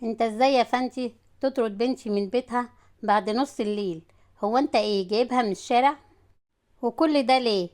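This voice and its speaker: A stern Egyptian father-in-law who threatens and scolds, voiced by a woman reading a story. He talks fast and a little lower than her own voice. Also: a little mellow, close to an everyday voice. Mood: angry scolding. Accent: Egyptian Arabic. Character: angry older man, protective father-in-law.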